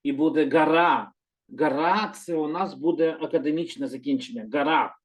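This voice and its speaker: A man teaching a calm, slow lesson, gently repeating words and patiently correcting himself. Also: fairly high pitch. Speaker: Hebrew teacher.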